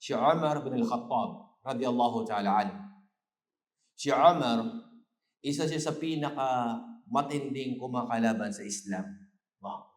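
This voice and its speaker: A man's voice: mid-range voice, normal speed, roomy sound. A man giving an Islamic lecture after evening prayer. He tells the story with Arabic phrases and rises to emphatic peaks. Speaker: preacher.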